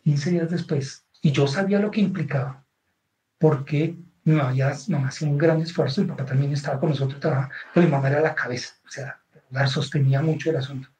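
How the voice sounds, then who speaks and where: A man with a Colombian accent tells a story in an interview, his voice sitting a little higher than most men's. He is animated and keeps checking that his listener is following along. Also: quick pace, rough recording. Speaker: guest author. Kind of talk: conversational storytelling.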